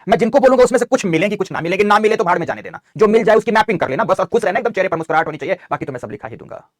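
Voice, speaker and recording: Guy teaching map class, quick and fairly high, keeps saying beta. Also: lively intonation, no room sound, clean studio sound. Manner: repeats key terms, calls students "beta". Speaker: geography teacher. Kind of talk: online map lecture.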